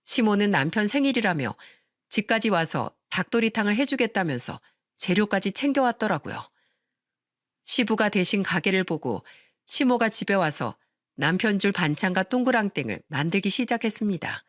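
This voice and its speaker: A woman narrating a story in expressive radio-story style. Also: mid-range voice, moderate pace, no echo, clean studio sound.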